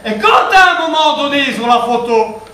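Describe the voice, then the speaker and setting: A man's voice: very high-pitched, animated, normal speed, bright, forceful tone, slight background noise, exaggerated voice. A man playing a drunk, pompous middle-aged politician, rambling and punning on stage. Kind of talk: stand-up one-man show character. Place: theatre stage. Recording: echoey stage recording from far off.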